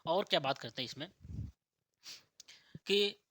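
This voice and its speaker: Male spiritual teacher, fairly high bright voice, dry close sound, asks and answers his own questions. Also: lively intonation, measured pace, no room sound. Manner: asks rhetorical questions, answers them himself; keeps checking in with "theek hai". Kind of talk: explanatory talk on spirituality and nature.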